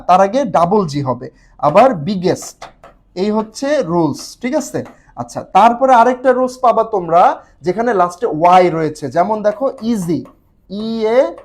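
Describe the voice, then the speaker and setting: A young man with a Bangladeshi accent teaching an exam prep class on a live stream. He explains step by step and keeps urging viewers to comment. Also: high-pitched. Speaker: online admission test tutor.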